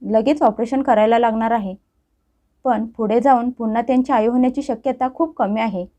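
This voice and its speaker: Brief: calm male doctor, read by a woman, matter-of-fact, high, mellow voice. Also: normal speed, close to an everyday voice. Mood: grave.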